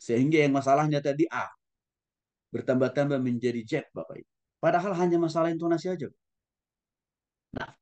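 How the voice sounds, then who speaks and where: A male pastor giving a conversational lecture, speaking gently and often turning to address his listeners directly. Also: on the high side. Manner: soft-spoken, gentle. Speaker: pastor and teacher. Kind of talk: conversational Bible-school lecture.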